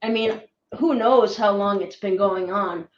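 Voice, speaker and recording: A woman's voice: mid-range voice, a little slow. A woman on a video call, chatting casually as a guest and explaining her photos, hesitant with many fillers and restarts. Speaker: guest sharing orb photos. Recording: distant, roomy, muffled call audio.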